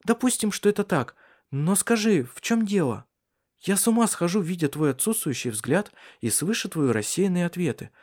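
Male reader doing an eager, worried young wife in an audiobook; raised pitch, very expressive. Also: normal speed. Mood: pleading. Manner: pleading, pressing questions. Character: anxious, insistent young wife. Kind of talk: audiobook character reading.

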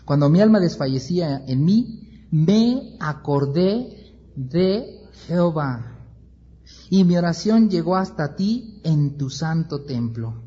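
A man teaching a Bible class, telling the story in an animated way, acting out voices and asking the class rhetorical questions. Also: on the high side, slow pace, slightly rough, dull audio.

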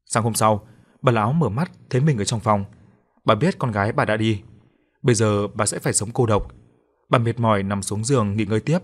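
A man narrating an audiobook story in a steady, even storytelling voice. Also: on the low side, fairly quick. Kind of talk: scripted storytelling.

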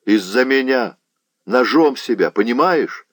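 A man's voice: medium pitch, expressive, unhurried, no room sound, voice pushed up. A man playing a desperate, lovesick Cossack chieftain. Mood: anguished. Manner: passionate, anguished.

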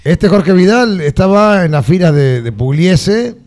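A man's voice: high voice, measured pace. A man from Argentina with a Buenos Aires accent, hosting casual radio chat, joking and laughing often. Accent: Rioplatense Spanish (Buenos Aires area). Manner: joking, animated, laughs often, mimics voices. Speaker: radio host.

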